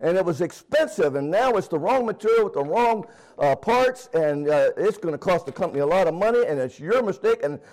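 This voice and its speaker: A man voicing a little old redheaded woman coworker, shrill and scolding. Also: animated, fairly quick, few pauses, a little mellow, lightly acted. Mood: angry scolding.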